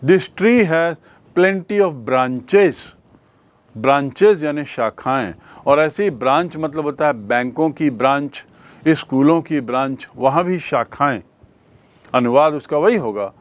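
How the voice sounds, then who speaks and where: A man's voice: on the high side, takes it slowly. A man with a Hindi accent teaching English grammar in a classroom lesson, patiently repeating key words back as questions to his students. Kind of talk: classroom lesson explaining rules.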